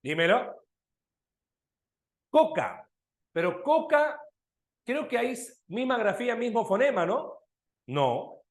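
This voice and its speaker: Lively male teacher, echoey room. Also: sits high. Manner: lively, questioning students often, animated. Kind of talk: online exam-prep language class.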